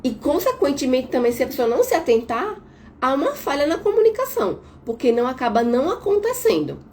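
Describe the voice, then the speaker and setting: A woman therapist from Brazil giving a live talk from home, speaking a bit louder on purpose and checking in with listeners. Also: sits high, sing-song, a little fast, a little hiss or hum. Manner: speaking a little louder on purpose, didactic, tag questions. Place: at home, window shut, air conditioning on.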